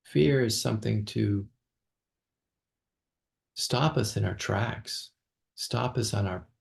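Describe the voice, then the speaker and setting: A male teacher leads an unscripted guided meditation, speaking haltingly with long pauses and repeated words. His voice is on the low side and creaky.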